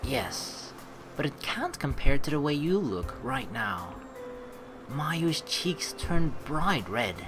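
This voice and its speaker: Hosting a let's-play video, a woman reads game narration aloud and reacts in a chatty, theatrical way. Her voice sits low with big pitch swings, she takes her time, and faint game music plays behind her.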